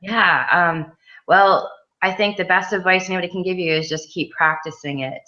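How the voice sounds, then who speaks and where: Speaking at a moderate pace with a steady, pushed, bright tone, this lowish-voiced woman is a mixed media artist from Western New York. She's a guest in a relaxed interview at an outdoor studio, chatty, quick to laugh, and full of ums. The sound is muffled and lo-fi.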